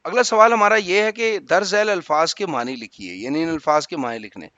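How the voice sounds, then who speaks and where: A man's voice: fairly high pitch, sharp tone, no room sound, highs cut off. A male teacher patiently explaining exam answers to students, spelling out vowel marks letter by letter.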